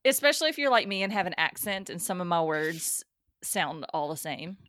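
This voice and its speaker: Lively Southern-accented woman podcast co-host. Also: fairly low pitch, a little fast, dry recording, studio quality. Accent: Southern US country. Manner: animated, reactive, laughing. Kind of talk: casual chat.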